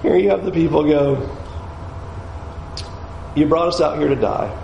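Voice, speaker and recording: Animated man preaching in a roomy hall. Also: fairly high pitch, unhurried, gravelly, highs cut off. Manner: animated, acts out the people's complaints. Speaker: pastor. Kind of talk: expository sermon. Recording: roomy echo, faint background noise.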